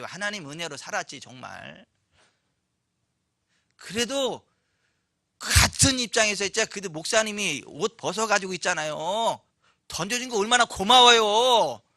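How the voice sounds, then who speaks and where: A man preaching a Sunday sermon, telling a story with lively acted-out voices and questions to the congregation. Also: sits high, normal speed, dry recording, studio quality. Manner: animated storytelling, acts out quoted voices, asks the congregation questions. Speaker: pastor. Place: church sanctuary.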